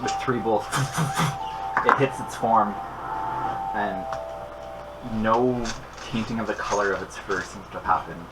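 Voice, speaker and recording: A man as game master, describing scenes in a relaxed way and chuckling between lines. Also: lowish voice, measured pace, long pauses, over loud music, poor audio. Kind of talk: narrating a tabletop game.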